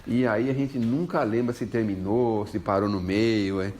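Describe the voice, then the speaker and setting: A man with a Brazilian Portuguese accent gives an informal spiritual talk as a lecturer, joking, animated, and chatting with his listeners. His voice is fairly low in pitch at a normal speed, with slight background noise.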